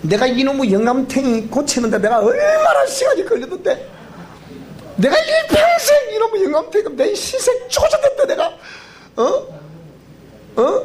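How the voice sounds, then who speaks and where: A man's voice: very high voice, huge pitch swings, normal speed, voice pushed up, heavily acted. A man voicing a feisty old grandmother with a Gyeongsang accent, scolding and laughing about her stubborn husband. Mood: exasperated.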